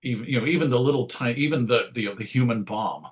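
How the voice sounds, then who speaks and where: A middle-aged man, a writer and radio show host appearing as an interview guest, reminisces casually in a mid-range voice at a quick pace. He's hesitant and rambling, often breaking off to restart a thought.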